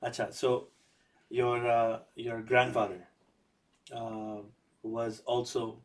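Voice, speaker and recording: A man hosting a conversational interview, putting measured questions with pauses. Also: medium pitch, completely flat delivery, distant mic. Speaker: podcast host.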